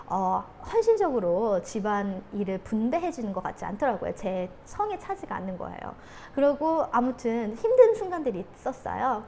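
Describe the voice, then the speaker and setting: A woman in her forties giving an earnest lecture on communication, telling her own stories with animated laughter. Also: medium pitch, a little hiss or hum.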